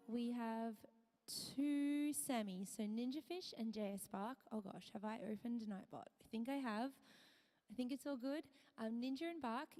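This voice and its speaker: A woman with a slightly husky voice chatting casually on a livestream as a singer, thanking viewers and restarting her phrases, with reverb added to her voice. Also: fairly high pitch, dark tone. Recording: voice with long added reverb tail.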